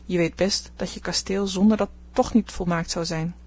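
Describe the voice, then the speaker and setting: A woman reading an audiobook, voicing an outspoken, restless teenage girl who dreams of fame, with a slightly husky voice. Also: lowish voice, steady tone, normal speed, a little mellow. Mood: eager. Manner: eager, outspoken.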